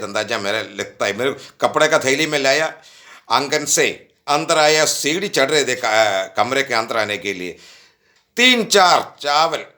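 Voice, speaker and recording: A man shares a personal story as a devotional message, talking straight to young listeners. His voice swings widely in pitch and stays lively as he acts out the dialogue. The tone is bright and forward. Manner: animated, acts out quoted dialogue; addresses young listeners directly.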